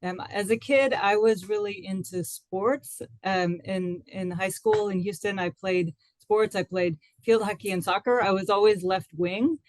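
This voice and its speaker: This is a woman in her forties from the United States, giving a relaxed, reflective interview. Her voice sits in a middle pitch and is recorded close and dry. She often pauses with fillers and restarts her phrases as she thinks. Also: dry recording, low-quality recording. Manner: thoughtful, many restarts and fillers. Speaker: guest. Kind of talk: casual interview talk.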